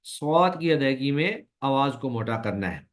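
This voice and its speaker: A man who teaches Quran recitation, giving a recorded lecture and explaining slowly and patiently, with long drawn-out sample sounds and a Pakistani Urdu accent. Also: mid-range voice, expressive. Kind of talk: recorded lecture on letter pronunciation.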